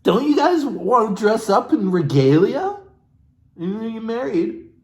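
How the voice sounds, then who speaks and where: Slow and high-voiced with a darkish tone, a man swings his pitch widely while irreverently reading a book aloud. He hosts the comic reading and peppers it with swearing. The recording is echoey and noisy.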